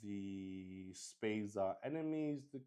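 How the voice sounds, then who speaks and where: This man, whose voice is lowish and mellow, runs a solo tabletop roleplay as an improvising game master. His intonation is lively and his tone clean, yet he moves slowly, stopping often to reason through things out loud.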